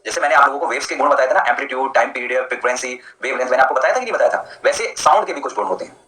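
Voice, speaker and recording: A man's voice: medium pitch, expressive, rapid-fire, pushed and bright, roomy sound, low-quality recording. A male teacher giving a live online lecture in a chatty, jokey way, answering students by name as he explains.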